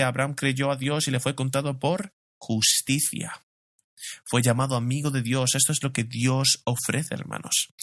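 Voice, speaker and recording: A man's voice: medium pitch, fairly bright tone, no room sound. Man, middle-aged, pastor, sermon, conversational, rhetorical questions, personal stories, dry close sound.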